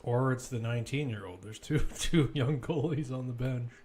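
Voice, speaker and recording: A man calls a football match live in a casual, conversational way, chatting and thinking aloud as the action unfolds. His voice is medium-pitched and darkish, delivered at normal speed with slight background noise.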